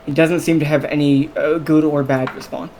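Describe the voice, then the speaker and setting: A man's voice: fairly high pitch, level tone, moderate pace, a little mellow, a little hiss or hum. A man narrating as game master, hesitant and full of fillers.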